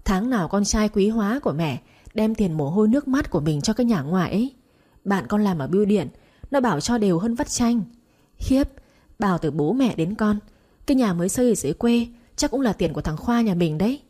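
A sharp-tongued middle-aged sister-in-law, put on by a woman narrator jabs and mocks in quick bursts that jump up high. Her voice is husky and mellow under the taunts. It is an audio storybook reading. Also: animated, natural voice. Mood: scornful. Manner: mocking, scolding, quick jabs.

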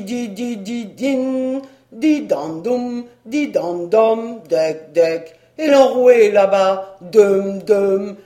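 A reader voicing a boisterous young male country servant who talks in rustic dialect, loud and excited. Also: medium pitch, roomy sound, lightly acted.

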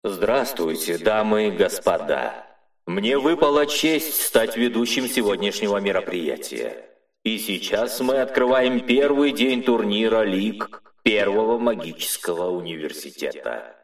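A formal male tournament announcer addresses the crowd, as a man puts him on, his voice magically amplified so it rings out roomy and from a distance. The delivery rises and falls with lively announcing. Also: on the low side, a little slow. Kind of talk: audiobook narration with voiced characters.

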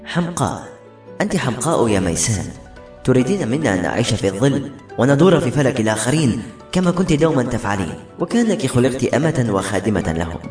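A man's voice: mid-range voice, very animated, quick pace, a little mellow, lightly acted. A man voicing an arrogant, hateful husband and father who speaks with scorn and contempt. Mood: scornful. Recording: roomy echo, faint music behind.

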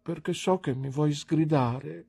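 A woman voicing a childish, easily hurt young wife, raising her pitch into a plaintive, tearful, breathless plea. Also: slow, gravelly, mellow, husky, full character voice.

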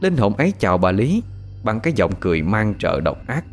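A man narrating a ghost story in a measured, dramatic way. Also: fairly low pitch, sing-song, soft background music.

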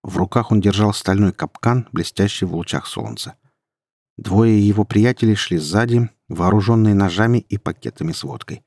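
Low, husky male storyteller. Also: normal speed, darkish tone, no room sound. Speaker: audiobook narrator. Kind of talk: first-person story narration.

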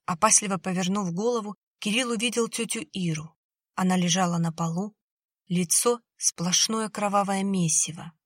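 A woman narrating a horror story in a tense, measured storytelling manner. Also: mid-range voice, dry recording. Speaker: audiobook narrator.

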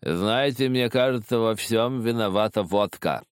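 A man's voice: on the low side, unhurried, clean tone, no echo, clean studio sound, pitched above the performer's own voice, natural voice. A man voicing a drunk, broken old male spy who raves and screams in a trembling, rattling, slightly lisping voice. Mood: manic rambling. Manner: shrieking, raving, trembling voice.

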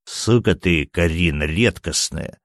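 A man's voice: low-pitched, slow, no room sound, clean studio sound. A man voicing an irritable grown man doctor who snaps and speaks sardonically. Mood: gruff. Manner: gruff, snapping, sardonic.

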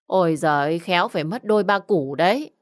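A woman's voice: on the low side, fast talker, natural voice. A woman voicing a rude, stingy middle-aged village man who scolds curtly. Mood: scolding. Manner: scornful, scolding, curt.

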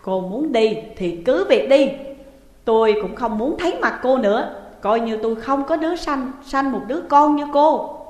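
A proud, wounded middle-aged mother speaks loud and high, as a woman reader acts her out. Her voice rings in an echoey room with long reverb. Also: expressive, normal speed, close to an everyday voice. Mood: angry. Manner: loud, scolding then coaxing.

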